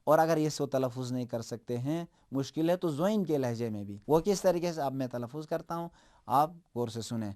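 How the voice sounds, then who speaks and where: A man teaching Quran pronunciation, explaining each letter calmly and then chanting example words in long, stretched-out tones. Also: mid-range voice. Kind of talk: tajweed lesson with drawn-out recited examples.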